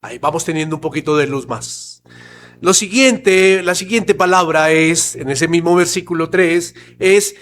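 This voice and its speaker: A pastor preaching a sermon to his church, slow and emphatic, asking rhetorical questions. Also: fairly high pitch, fairly bright tone, a little hiss or hum, low-quality recording.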